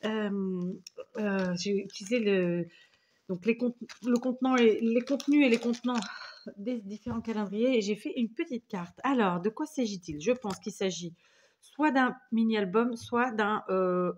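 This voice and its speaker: At home indoors, a crafting vlogger shows off craft items in a chatty show-and-tell, speaking at a medium pitch and measured pace. She rambles, corrects herself, and warmly thanks the people who sent them.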